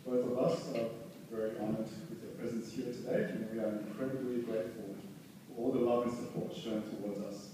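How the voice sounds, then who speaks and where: A man giving a groom's thank-you speech at a wedding, pausing between phrases. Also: mid-range voice, level tone, warm tone. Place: large echoing room at wedding reception. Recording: very echoey room, distant mic, noisy.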